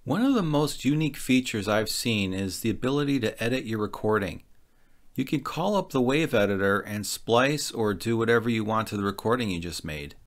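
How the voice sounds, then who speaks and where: A man delivers a scripted, step-by-step product review, narrating a gear demonstration. His voice is fairly low, animated and brisk.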